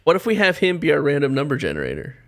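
A man's voice: a little high, huge pitch swings, racing. A man hosting a podcast in casual chat, playful and laughing often. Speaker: podcast host.

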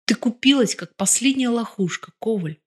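A woman's voice: a little high, lively intonation, moderate pace, pitched above the performer's own voice, natural voice. Audiobook: woman reader doing a cocky husband, mocking, flirty. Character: confident husband, smug and teasing.

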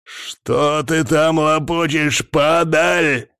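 A man voicing a furious, hysterical male hamster-like alien who yells shrilly and swears. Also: animated, moderate pace, dry recording, clean studio sound, close to an everyday voice. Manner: shrill, hysterical, foul-mouthed yelling.

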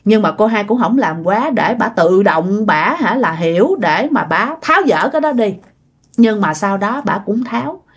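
A woman's voice: medium pitch, lively intonation, moderate pace, husky. A woman telling a story in a casual, chatty way, speaking directly to her listeners.

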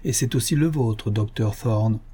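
A man's voice: lowish voice, unhurried, warm tone, breathy edge. A man voicing a haughty, scheming aristocratic mother who talks in a sugary, insistent, lofty tone, reading an audiobook novel. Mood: lofty, stern.

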